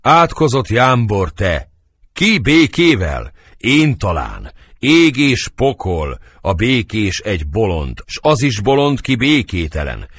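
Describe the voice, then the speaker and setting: A hot-tempered male nobleman, read aloud by a man, spits out bitter, fiery outbursts in a low, husky voice. His pitch leaps and drops with every curse, and the recording is close and dry, like an audiobook studio. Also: sing-song, fairly bright tone, dry recording, full character voice. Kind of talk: audiobook drama reading.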